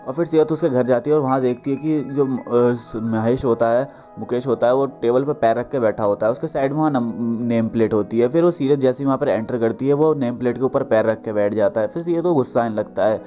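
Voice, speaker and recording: A man's voice: mid-range voice, a little fast, hardly any pauses, mellow, soft background music. A man casually retelling the episodes of a TV serial in plain words, often correcting himself mid-sentence. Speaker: TV serial recapper. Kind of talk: casual spoken story recap.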